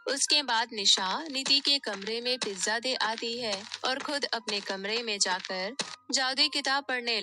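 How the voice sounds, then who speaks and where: A woman narrating a bedtime storybook tale in a steady, plain storytelling manner. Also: fairly high pitch.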